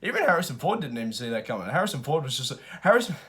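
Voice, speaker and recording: A man giving a casual, rambling film review, excited and profane. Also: a little high, rapid-fire.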